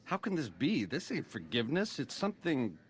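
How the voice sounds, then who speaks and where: A suave, cocky casino boss from a video game, talking in a crooning drawl full of jive slang. His pitch swings all over, lively and animated. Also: brisk, crowd noise. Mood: smooth, flirty.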